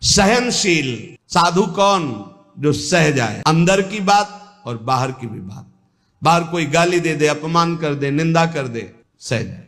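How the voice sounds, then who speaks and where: A man giving a devotional sermon as a spiritual teacher, slow and measured, with pauses and falling endings. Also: fairly high pitch, animated, fairly bright tone. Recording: long hall reverb.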